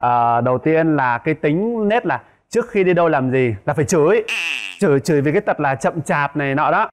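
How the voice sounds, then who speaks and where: Fast-talking man. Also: on the high side, expressive. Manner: rapid, repeats words for emphasis. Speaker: dating show guest. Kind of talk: casual talk show chat.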